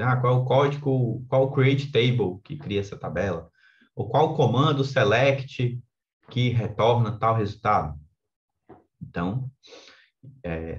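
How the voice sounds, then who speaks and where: In a lowish voice with the high frequencies cut off, a Brazilian-accented exam coach delivers an informal explanatory lesson. He speaks conversationally, frequently adding small check-in tag questions to win agreement.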